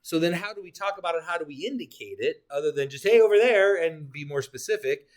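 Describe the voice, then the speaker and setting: A male geometry teacher lectures his class on definitions, animated and full of joking asides and questions for his students. His voice is fairly high and fast.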